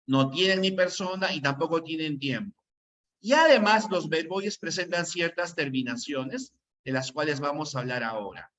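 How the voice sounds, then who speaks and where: A man's voice: fairly high pitch, a bit bright. A man teaching an online grammar class, quizzing students with rhetorical questions. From Peru.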